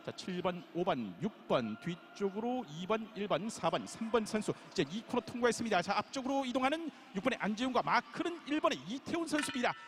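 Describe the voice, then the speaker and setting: A man's voice: high-pitched, very animated, brisk, few pauses, fairly bright tone, slight background noise. A man giving live race commentary like a motorsport commentator, with an urgent delivery that builds toward the finish.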